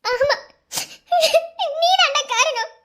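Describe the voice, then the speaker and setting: A woman's voice: very high-pitched, slow pace, background noise. A woman voicing a flustered, teasing young woman in a cartoon, whiny and giggly, with a Madurai Tamil accent. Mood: whiny tearful. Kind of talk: cartoon voice acting.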